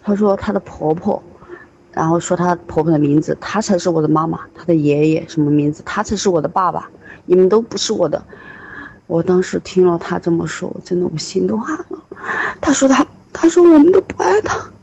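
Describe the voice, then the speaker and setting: A woman, a mother, giving a halting, emotional account of a family crisis, acting out the lines of the people she quotes. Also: on the low side, steady tone, creaky, dark tone, slight background noise, low-quality recording. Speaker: mother of a troubled teen. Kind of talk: recorded personal account.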